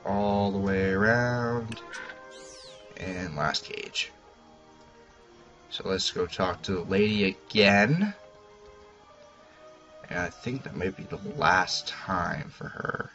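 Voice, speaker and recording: A man narrating a game walkthrough casually, in a lowish voice and at a very slow pace. The recording is dull and lo-fi, with game music behind him. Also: a bit bright.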